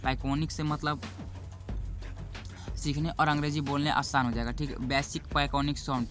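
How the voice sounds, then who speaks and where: A man's voice: fairly high pitch, flat delivery, measured pace, a bit bright. A man teaching a beginner's English lesson, repeating each point and checking in with "okay" as he goes. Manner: repeats points, keeps saying "look" and "okay". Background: music.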